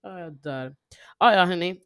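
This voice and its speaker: A young man in casual podcast chat, his voice sitting a bit high for a man. He rambles, restarts and tosses English phrases into his talk. The sound is dry and close. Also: fairly bright tone, clean tone, dry recording. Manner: rambling, mixes English words, swears. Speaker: podcast host.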